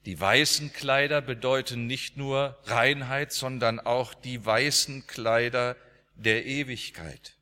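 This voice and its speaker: Man preaching slow and dramatic, bright forceful voice, big church reverb. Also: mid-range voice, steady tone. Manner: dramatic storytelling with emphatic swings. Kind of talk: sermon.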